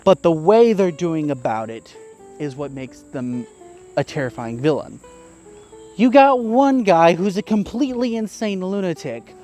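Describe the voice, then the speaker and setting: A man's voice: high voice, expressive, measured pace, dark tone, soft background music. A man giving a casual, candid spoken review, chatty and plain-spoken with the odd curse. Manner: candid and chatty, with frequent fillers and mild swearing. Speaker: YouTube reviewer.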